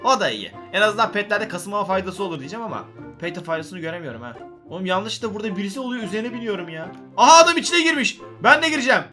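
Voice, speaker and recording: Male gaming host, high and quick, excitable and joking, faint background music. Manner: excitable, joking, talks to viewers. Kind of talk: casual gameplay commentary.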